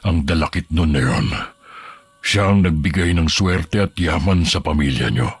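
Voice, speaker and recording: Guy doing a deep husky old village man telling dark secrets, calm and heavy. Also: no echo, full character voice. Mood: grave. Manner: slow, grave storytelling. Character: older village man, calm, grave, knowing. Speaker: character in a horror audio story.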